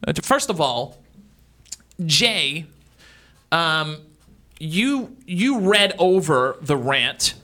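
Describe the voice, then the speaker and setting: Radio host, man in his 40s, bright forceful voice, halting and rambly, pitched a bit high. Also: sing-song. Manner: rambling, halting, full of fillers and restarts; grumbling, mocking complainers. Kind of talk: casual radio talk.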